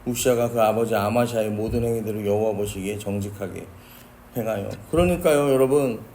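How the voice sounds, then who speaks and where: A man's voice: lowish voice, brisk, dark tone, slight background noise. A man preaching a sermon as pastor, earnest and often addressing the congregation directly. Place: church sanctuary.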